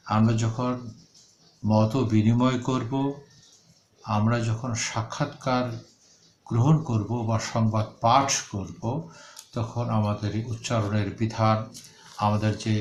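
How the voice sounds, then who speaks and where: A man, a professor, giving a measured lecture and carefully enunciating example sounds one at a time. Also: lowish voice. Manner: slow, deliberate, enunciating each example sound. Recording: echoey room with faint ambient noise.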